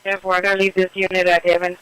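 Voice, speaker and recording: A man's voice: sits high, monotone, quick pace, fairly bright tone, clear, resonant tone, dry recording. A man talking over a CB radio in clipped radio codes, heard as a distant transmission.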